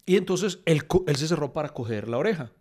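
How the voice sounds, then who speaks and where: A man with a Bogotá Colombian accent telling animated stories in a casual chat, acting out dialogue and laughing often. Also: on the high side, fast.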